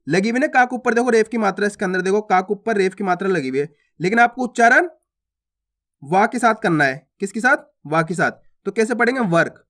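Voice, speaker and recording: A man's voice: high-pitched, a bit bright. A man teaching a reading lesson to online viewers, drilling words by asking a question and answering it himself, and often checking that they understand. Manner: repetitive drill, asks and answers own questions.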